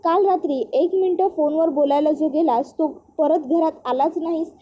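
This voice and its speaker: A woman's voice: high-pitched, fairly even intonation, normal speed, dark tone, lo-fi sound, slight background noise, close to an everyday voice. A woman voicing an agitated young husband in a spoken serial recap, with an urgent, questioning manner. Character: agitated young husband pressing his brother for answers.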